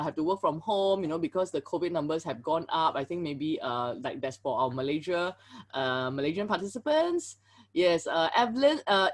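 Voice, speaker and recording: A woman hosting a live webinar on a video call, chatting with viewers and reading their messages. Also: low voice. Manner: chatty, filler-heavy, greets viewers and reads chat aloud. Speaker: webinar host.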